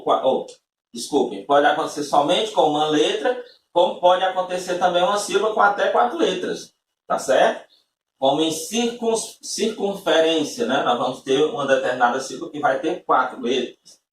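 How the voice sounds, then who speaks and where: A man's voice: high voice, distant mic, a little hiss or hum. A man teaching a lesson, explaining patiently step by step and often checking in with his listeners. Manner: patient step-by-step explaining, frequent tag questions. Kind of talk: recorded classroom-style lesson. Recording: echoey room, voice from off-mic.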